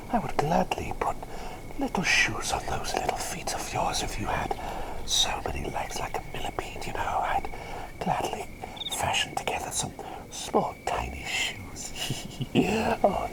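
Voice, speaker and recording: A man in full character voice, a little high, plays an eccentric, excitable plague doctor, murmuring in a breathy ASMR whisper whose pitch swoops widely with crackly fry at the edges. Doting and whimsically delighted, he rambles, gets easily distracted and politely repeats phrases in an old-fashioned manner.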